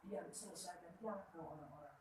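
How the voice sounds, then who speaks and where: A woman giving lively, teasing marriage advice at a wedding ceremony, checking in with the couple with a constant "ya?". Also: lowish voice, fairly quick. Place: marriage hall. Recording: very echoey hall, far from the mic, faint noise.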